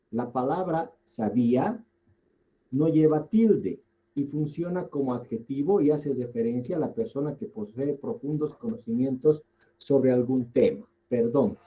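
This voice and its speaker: Slow, dark-voiced male teacher. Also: mid-range voice, rough recording. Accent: Bolivian Spanish. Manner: deliberate, repeats key words, asks the class questions. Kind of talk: slow classroom lecture.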